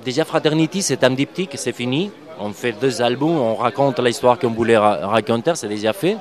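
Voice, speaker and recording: A man's voice: mid-range voice, fairly quick. A comic book artist, a man, answering interview questions hesitantly with frequent fillers. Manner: hesitant, frequent fillers, apologizes for his speech.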